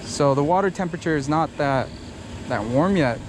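A young man, chatting casually and excitedly while fishing from rocks at a park pond, rambling through explanations with lots of fillers. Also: on the high side, normal speed, a little hiss or hum. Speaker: fishing vlogger. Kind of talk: casual outdoor fishing vlog. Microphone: head-mounted action camera.

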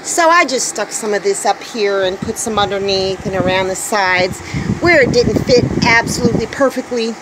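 A woman's voice: mid-range voice, animated, normal speed, heavy background noise. A middle-aged woman talking casually to a handheld phone camera in her tiny house, chatty and upbeat, thinking aloud. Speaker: homesteading vlogger. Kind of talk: casual vlog narration. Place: small tiny house, indoors, and garden outdoors.

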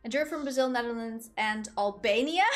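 A young Portuguese woman streams from a small room, sitting at a desk on a headset, chatting casually with her live chat in a giggly, rambling way. Her fairly high voice is very animated, pushed and bright, at a measured pace, with soft music behind.

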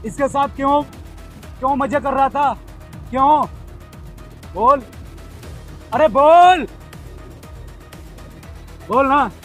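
A man's voice: very high-pitched, takes it slowly, pauses often, soft background music. A young man acting in a staged vlog skit, playing a bystander who confronts a bully with curt, repeated orders. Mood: interrogating. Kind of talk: staged street drama.

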